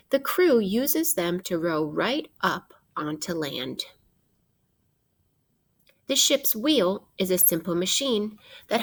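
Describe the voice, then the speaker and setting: A woman teacher with a mid-range voice reads a children's nonfiction book aloud. Her delivery is expressive and instructive, and she speaks directly to her young listeners.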